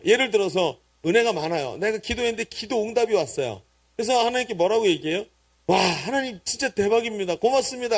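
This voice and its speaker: A man's voice: sits high, husky. A middle-aged man preaching a sermon as pastor in a church, playful and teasing the congregation with jokes. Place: church sanctuary.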